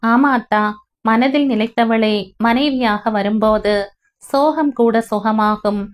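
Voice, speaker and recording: A woman's voice: a little high, takes it slowly. A woman reading the part of a playful young wife who teases her husband, voice raised above her narration. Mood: teasing. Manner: teasing, affectionate.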